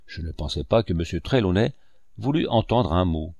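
A man's voice: low voice, expressive, moderate pace, darkish tone, no echo, studio quality. A man reading an audiobook, voicing a blunt male ship captain who speaks formally and firmly. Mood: stern. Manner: formal, firm, clipped.

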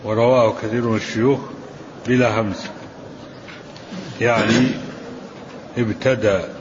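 A man teaching a lesson as a sheikh, explaining a classical text calmly, repeating phrases and saying "na'am" to move on. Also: lowish voice, unhurried, noisy background. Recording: dull recording with long hall reverb.

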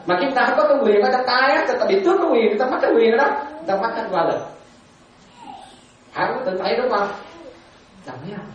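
A woman's voice: fairly high pitch, animated, fast talker, pauses often. A woman, a Buddhist monastic teacher giving a dharma talk to lay followers. She questions her listeners often, repeats key phrases and laughs lightly. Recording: very echoey and distant, dull sound.

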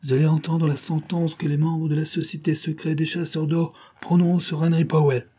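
A man's voice: on the high side, level tone, fairly quick, mellow, voice pushed up, close to an everyday voice. A man reading an audiobook, voicing the cold adult male leader of a secret gang, who talks in a solemn, commanding and menacing way.

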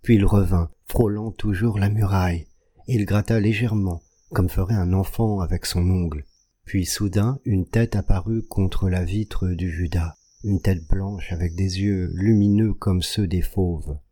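A man reading a classic short story aloud as an audiobook in a measured, deliberate manner. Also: low voice, steady tone, warm tone, husky. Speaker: audiobook reader. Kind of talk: literary audiobook narration.

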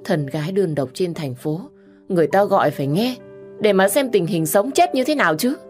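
A woman's voice: lowish voice, animated, fairly quick, darkish tone, soft background music, natural voice. A woman voicing a bossy, scolding older sister. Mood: pushy. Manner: nagging, scolding, harsh.

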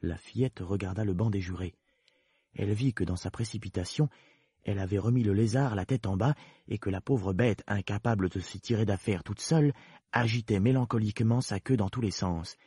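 Deep husky storytelling man. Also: warm tone, no echo, studio quality. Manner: measured, storytelling. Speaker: narrator. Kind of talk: storybook narration.

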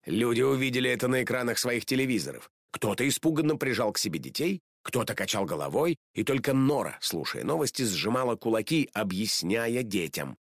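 A man reading a children's storybook aloud in an animated, expressive way. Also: mid-range voice, fairly quick, dry recording, studio quality. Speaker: narrator.

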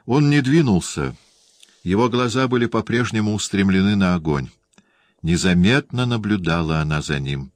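A man narrating a literary novel in a measured, even storytelling voice. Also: fairly low pitch, no room sound. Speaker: audiobook narrator.

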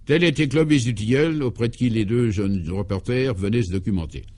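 A man narrating a comic radio serial in a droll, mock-solemn way, dropping his voice low on the punchlines. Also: brisk, warm tone.

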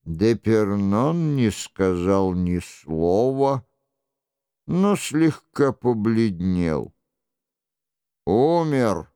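A man narrating an audiobook in a measured, even reading. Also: fairly low pitch, clean tone, dry recording, studio quality. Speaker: audiobook reader. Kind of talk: scripted narration.

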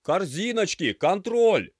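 A man's voice: high-pitched, sing-song, takes it slowly, dry recording, voice pushed up, exaggerated voice. A bossy, stout head chef with a bushy mustache. He bellows every order in a raised, swooping voice. The sound is close and dry. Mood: shouting orders. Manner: barking orders. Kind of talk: audiobook character voice.

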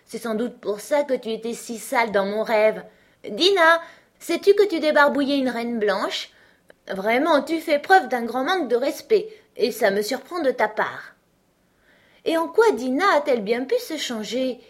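A woman's voice: fairly high pitch, lively intonation, a little slow, pitched above the performer's own voice. A woman voicing Alice, a curious, chatty young girl who fondly scolds her cats in a storybook reading.

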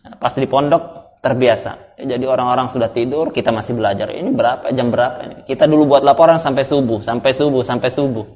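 Man, religious teacher, chatty storytelling, middle pitch, lo-fi sound, faint noise. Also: fast, darkish tone. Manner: chatty storytelling with laughs and asides. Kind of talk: informal religious study talk. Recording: dull lo-fi recording, faint noise.

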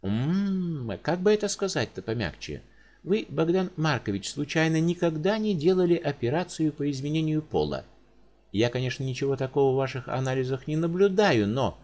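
Brief: a pompous, fussy doctor, as a male reader puts him on, pitched high, animated and soothing. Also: normal speed, lightly acted. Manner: high, ingratiating, hedging.

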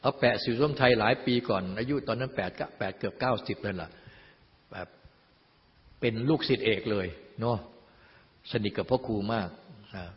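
A man's voice: on the low side, moderate pace, pauses often. An older man, a Buddhist teacher, giving a dharma talk in a teasing, rhetorical way and often asking his listeners whether they see. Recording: dull, lo-fi sound in a long-reverb hall.

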